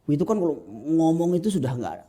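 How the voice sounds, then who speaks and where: A middle-aged male pastor preaching a sermon at a church service, animated and humorous, acting out quotes in high voices. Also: quick pace.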